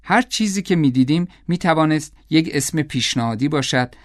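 A man reading an audiobook in a measured, calm storytelling manner. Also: fairly high pitch, no echo, studio quality. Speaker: audiobook narrator. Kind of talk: scripted audiobook narration.

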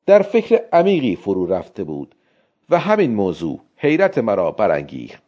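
A man narrating a story in the first person as an expressive audiobook reader. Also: on the low side. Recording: dull lo-fi recording.

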